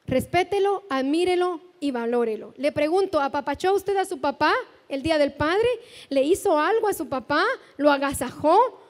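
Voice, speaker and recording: A middle-aged woman pastor with a Guatemalan accent, preaching a sermon and telling a lively story, asking the congregation direct questions. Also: high voice, moderate pace. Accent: Guatemalan Spanish. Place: large church hall. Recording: long church hall reverb.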